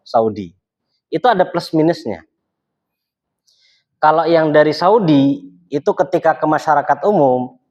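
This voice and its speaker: A male Islamic religious teacher, explaining in a casual talk and answering his own rhetorical questions. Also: mid-range voice. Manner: asks rhetorical questions and answers them himself. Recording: slightly dull lo-fi sound.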